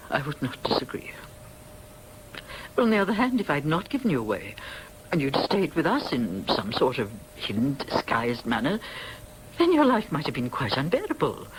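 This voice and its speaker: In a radio drama, an actress voices a stern, dignified older mother from the upper class who is weighed down by guilt, and she speaks formally with measured precision. Her voice sits low, and the mood is conflicted and sombre. There is slight background noise and the audio is poor.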